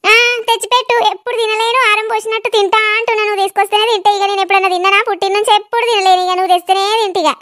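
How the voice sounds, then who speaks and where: A woman playing a quarrelsome, jealous village wife who scolds in fast, rapid-fire complaints. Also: extremely high pitch, level tone, a bit bright. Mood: complaining.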